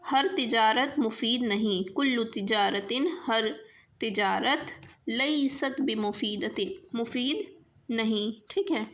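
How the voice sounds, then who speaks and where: Woman w/ teaching arabic, slowish on the phrases then rattles off explanations, bit high voiced. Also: a bit bright. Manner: slow and deliberate on Arabic phrases, quick on explanations. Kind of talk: classroom lesson explaining grammar exercises.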